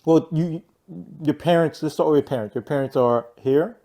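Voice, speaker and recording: A man hosting a casual interview, relaxed and prompting his guest with quick questions. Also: fairly high pitch. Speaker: interview host.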